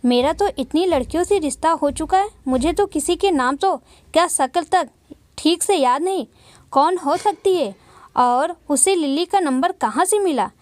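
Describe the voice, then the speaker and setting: A woman reading as a smooth two-timing young husband. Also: sits high, lively intonation, moderate pace, a little mellow, dry recording. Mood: scheming. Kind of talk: storybook reading.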